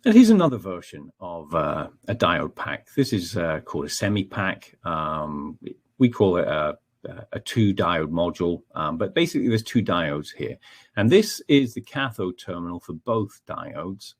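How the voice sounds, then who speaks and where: A Scottish technical trainer leads a webinar, walking through the material step by step with frequent ums and regular checks of "okay?". His voice is low, a little slow, and swings widely in pitch.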